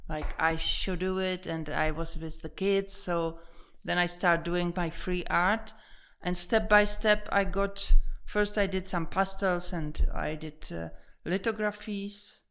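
Woman, native Czech speaker, unhurried and clear-voiced, halting non-native English with restarts, interviewed in her studio. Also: lowish voice, steady tone, fairly bright tone. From Czech Republic. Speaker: painter. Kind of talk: casual interview.

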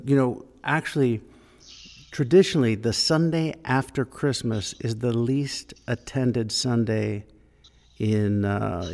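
A man chatting casually and a little haltingly as a church podcast host, recorded with cathedral echo in an empty sanctuary. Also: mid-range voice, a little mellow. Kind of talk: casual chat.

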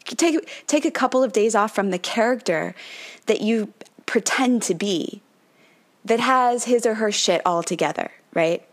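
A woman's voice: fairly high pitch, lively intonation, measured pace. A woman hosting a numerology podcast in casual talk, laughing often and filling her speech with "like" and "right?", slipping into brief mock voices. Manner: chatty, laughs often, says "like" and "right?" a lot; dips into mock voices playing the number. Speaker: podcast host, numerology coach.

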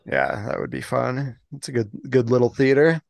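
A man's voice: medium pitch, very animated, normal speed, vocal fry, no echo. A man co-hosting a podcast in casual chat, rambling from topic to topic and laughing often. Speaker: podcast co-host.

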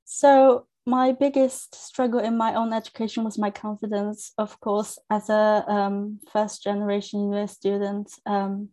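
A young Chinese woman, a native Chinese speaker and academic coach, talks earnestly as a podcast interview guest. She pauses thoughtfully and sometimes restarts. Her mid-range voice is warm with little pitch movement.

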